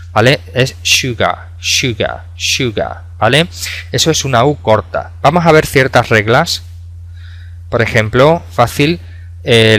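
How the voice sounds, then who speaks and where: A man's voice: medium pitch, a bit bright, no echo. Spanish-speaking man teaching, dry close sound. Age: 30s. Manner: explanatory, hesitant with frequent fillers. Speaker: English teacher. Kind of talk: video lesson on pronunciation.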